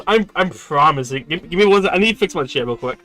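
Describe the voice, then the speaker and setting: A young man streams a dating game in a fairly high, excitable voice, stumbling over and repeating his words as he laughs along. Faint game music runs under his talk. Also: fast. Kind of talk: reading a dating sim aloud on stream.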